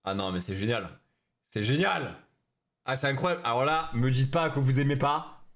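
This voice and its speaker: A man's voice: medium pitch, animated, moderate pace, fairly bright tone. A young man chatting with his viewers during a live stream, joking in slangy talk. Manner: slangy, joking, talks straight to chat.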